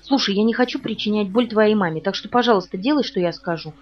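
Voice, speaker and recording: A woman reading the lines of a calm, falsely polite male villain on the phone in an audiobook. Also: mid-range voice, fast, natural voice. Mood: cold, polite menace. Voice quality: pleasant tenor, falsely polite. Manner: calm, commanding, mocking. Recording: dull, distant recording with faint music.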